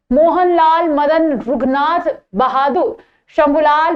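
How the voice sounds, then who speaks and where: High-voiced woman reading local news. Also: highs cut off. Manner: formal, steady newsreader delivery. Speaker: news anchor.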